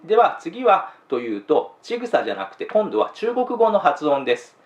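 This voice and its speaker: A man hosting a channel, narrating a scripted explainer in a polite, measured way and moving on to each new point with a brisk "okay, next.". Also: fairly high pitch, sing-song. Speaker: channel host explaining cultural differences. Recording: roomy, dull lo-fi recording.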